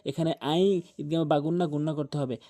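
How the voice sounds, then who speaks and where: A man with a slightly high but mellow, dark-toned voice teaches Quran recitation step by step. He keeps repeating himself and pausing on fillers. When he sounds out the letters and syllables, he drags them out in a slow chant. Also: fairly even intonation. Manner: patient, repeats points and urges attention, with frequent hesitation fillers. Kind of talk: tajweed lesson with spelled-out examples.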